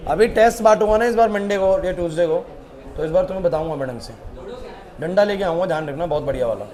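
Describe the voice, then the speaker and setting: Male teacher, high voice, scolds and prods a classroom of students. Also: fast, darkish tone. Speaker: chemistry teacher.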